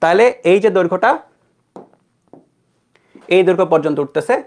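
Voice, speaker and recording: A man's voice: high-pitched, normal speed, gravelly, darkish tone. A young man from Bangladesh teaching an online physics class, talking casually and checking in with his students. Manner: conversational, checks in with students often.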